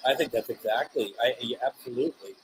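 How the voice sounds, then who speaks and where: A man hosting a live paranormal session, speaking earnestly and haltingly, with frequent restarts. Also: mid-range voice, slight background noise, low-quality recording. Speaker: host.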